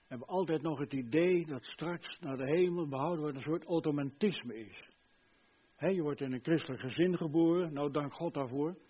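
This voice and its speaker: An older man preaching a sermon, fervent, swinging between loud emphasis and hushed earnestness. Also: on the high side, husky, dull audio.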